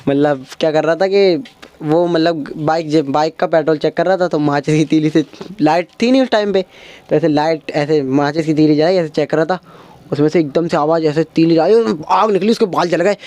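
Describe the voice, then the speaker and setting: A man's voice: a little high, brisk, darkish tone, no echo. A young man doing stand-up, telling a childhood story and acting out his friends' lines. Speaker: stand-up comedian.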